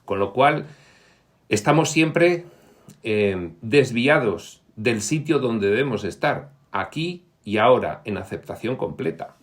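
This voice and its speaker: A man giving a reflective explanatory talk on spiritual teachings, pausing often with fillers and reading quoted passages in a raised, livelier voice. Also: medium pitch, expressive. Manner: reflective, pauses with frequent fillers.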